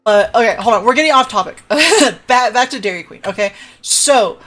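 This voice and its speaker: A woman's voice: fairly high pitch, brisk, fairly bright tone, soft background music. A young adult woman telling a rambling story on a live stream, often tagging "right?" and restarting sentences. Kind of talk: casual storytelling chat.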